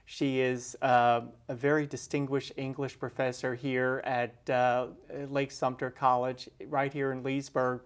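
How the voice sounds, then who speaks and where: A man who hosts a library show, introducing a guest politely and haltingly, with fillers. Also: mid-range voice, smooth. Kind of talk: hosting an interview.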